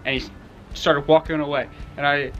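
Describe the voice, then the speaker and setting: A young man casually telling a story about his homestead, animated and laughing at times. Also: on the high side, brisk, lo-fi sound, slight background noise. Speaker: homestead vlogger.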